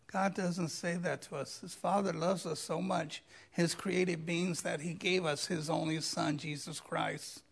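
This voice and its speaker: A man preaching a sermon as a pastor, slow and emphatic, with dramatic rises in his voice. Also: on the high side, creaky, slightly rough.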